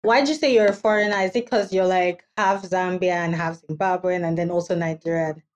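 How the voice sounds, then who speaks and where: A woman hosting a podcast, narrating in a reflective, measured scripted style. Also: fairly low pitch, steady tone, no echo. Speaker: podcast host.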